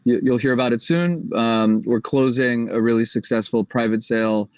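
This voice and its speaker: A man's voice: mid-range voice, steady tone, moderate pace, no room sound. A man on a panel speaks from his backyard office. He talks casually and rambles, with many fillers.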